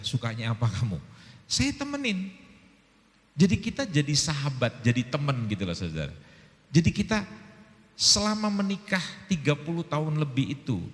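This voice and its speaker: A man's voice: medium pitch, big-room sound. A male pastor in his fifties preaching a sermon, telling stories animatedly and acting out quoted dialogue.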